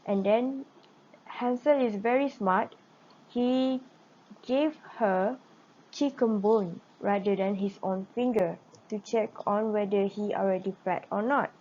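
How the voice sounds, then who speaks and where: A woman teaching an English lesson and reading a story aloud to pupils in a slow, careful, encouraging way. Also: medium pitch, darkish tone, lo-fi sound. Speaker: primary school English teacher. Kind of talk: recorded online lesson and story read-aloud.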